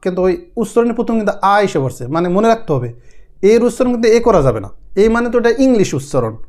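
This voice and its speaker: A man with a high-pitched voice teaches a casual pronunciation lesson. He says each sound two or three times over as a drill. His explanations wander and restart as he talks them through. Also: very animated, rapid-fire, a little mellow. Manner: loose, rambling explanations with many restarts. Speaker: language teacher.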